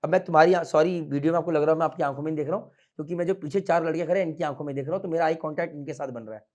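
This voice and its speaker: A man in his thirties teaching students in a classroom, mixing Hindi and English, switching between fast and slow, loud and soft speech. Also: a little high, dull audio. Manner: mixes Hindi and English freely, scolds playfully. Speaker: merchant navy coaching instructor. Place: classroom with students standing behind.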